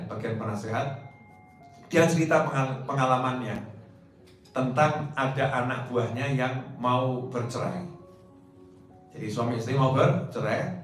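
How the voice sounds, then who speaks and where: A middle-aged man preaching a lively sermon to a congregation, with playful, joking asides to his listeners. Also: mid-range voice. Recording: echoey hall from far off, faint music.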